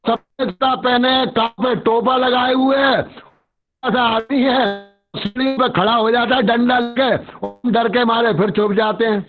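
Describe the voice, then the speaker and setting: An older man slowly telling a devotional memory over an online call that breaks up and echoes, his phone held away from his mouth. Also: extremely high pitch, fairly even intonation. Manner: halting, slow, trailing off. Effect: breaking up, cutting out on a poor online call. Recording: dull, choppy, echoey call audio with faint music.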